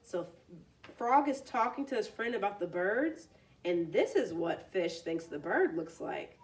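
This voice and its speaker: A woman reads a story aloud for kids, her medium-pitched voice rising and falling in a very lively, swinging way at a slightly slow pace. She pauses the narration for simple asides that explain things, and her voice sounds a bit distant from the mic.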